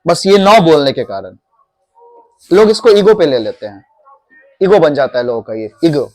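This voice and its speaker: A man's voice: fairly high pitch, big pitch swings, moderate pace, darkish tone, no echo. A male teacher giving a classroom English lesson, repeating key words and quizzing his students.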